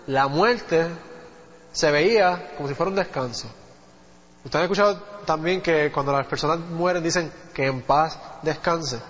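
A man preaches a sermon, telling a Bible story and checking in with his listeners as he goes. His voice sits high, and long reverb from a large hall trails each phrase. The audio is dull and muffled. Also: a bit bright. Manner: conversational Bible teaching, asks the congregation "¿viste?".

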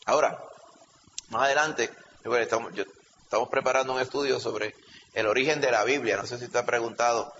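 A man's voice: medium pitch, steady tone, a little fast, fairly bright tone. A male pastor preaching a sermon in an emphatic teaching manner, often checking in with the congregation. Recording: reverberant hall, slightly dull sound, faint background hum.

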